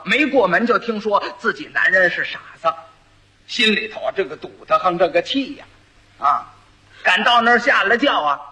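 A man telling a comic folk tale with lively asides to the listeners. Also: sits high, low-quality recording. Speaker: storyteller. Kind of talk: traditional comic storytelling.

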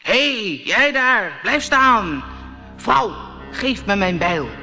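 A woman's voice: lowish voice, very animated, very slow, vocal fry, sharp tone, faint music behind, exaggerated voice. A woman doing a bellowing, furious giant. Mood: shouting. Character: huge furious male giant, threatening.

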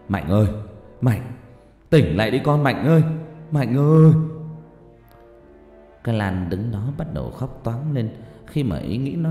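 A man's voice: on the low side, mellow. A man narrating a horror story in a dramatic, suspenseful way. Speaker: audiobook storyteller. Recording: reverb-heavy narration with faint music.

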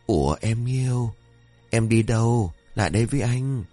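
A man's voice: medium pitch, moderate pace, dark tone, no room sound, soft background music, close to an everyday voice. A man voicing a lecherous drawling demon. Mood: leering. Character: leering demon possessing a young man.

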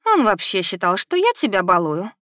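A woman's voice: medium pitch, sing-song, moderate pace, a bit bright, dry recording, studio quality. A woman voicing a fussy middle-aged noble mother, pleading and reproachful.

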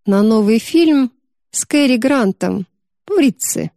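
A woman's voice: a little high, animated, takes it slowly, vocal fry, dark tone, no room sound, studio quality, exaggerated voice. Woman reading a charming young man. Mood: friendly.

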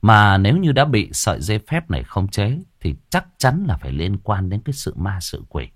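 A man tells a ghost story with lively expression. His voice is very low, and his pitch rises and falls a lot. The recording is dry and close. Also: normal speed, no echo. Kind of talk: dramatic ghost story narration.

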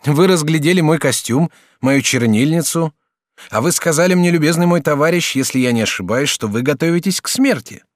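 An excitable, well-mannered young student, put on by a man reading a novel aloud, talks in a raised voice that leaps up and down. The sound is dry and close. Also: on the high side, fairly quick, no echo, voice pushed up, lightly acted. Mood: eager. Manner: bright, animated, polite and excitable. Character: eager young male student, courteous and talkative. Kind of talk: audiobook character reading.

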